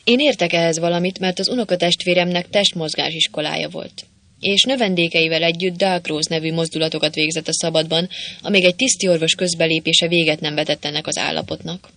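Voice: mid-range voice, fairly even intonation, sharp tone. A reader voicing a meek, apologetic male legionnaire clerk who talks in an overly polite, stammering way. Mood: placating.

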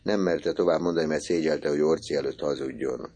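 Deep, dark-voiced male audiobook narrator. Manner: calm, measured storytelling.

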